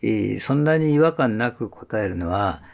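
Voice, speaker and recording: A man calmly explaining breathing and what makes a good voice, step by step. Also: fairly low pitch, moderate pace, creaky. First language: Japanese. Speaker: voice expert guest.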